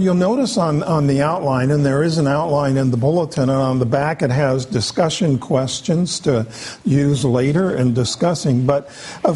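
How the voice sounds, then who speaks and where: A man preaching a sermon, explaining scripture in an unhurried way with frequent pauses. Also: a little high, darkish tone, breathy edge. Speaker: pastor.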